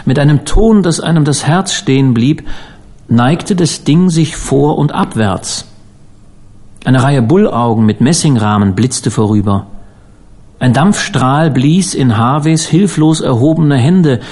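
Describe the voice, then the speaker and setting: A man reading a sea adventure aloud in measured, dramatic audiobook narration. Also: medium pitch, expressive, darkish tone. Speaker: audiobook reader.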